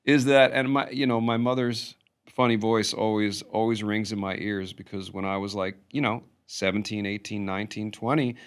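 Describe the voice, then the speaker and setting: A middle-aged man, a musician guest, telling stories in a casual interview with lively restarts. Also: lowish voice, moderate pace, clear, resonant tone. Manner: animated storytelling with restarts.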